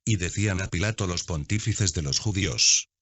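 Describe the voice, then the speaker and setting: A low-pitched man reads scripture in a measured, unhurried narration. The recording is dry, with no room sound, and the sound is dull and lo-fi. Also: fairly bright tone, husky, no room sound. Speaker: Bible reader.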